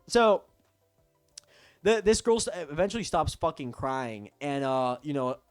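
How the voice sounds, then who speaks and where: Young man, high voice, swooping, profane rambling story, dry sound, faint music. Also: expressive, unhurried, clear, resonant tone, no echo. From Texas. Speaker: vlogger. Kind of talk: storytime rant.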